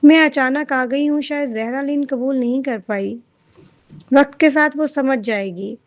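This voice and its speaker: A forgiving young woman from a storybook, soft-spoken and calm, read by a woman. Her voice is high, close to the reader's own. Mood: gentle. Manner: gentle, calm.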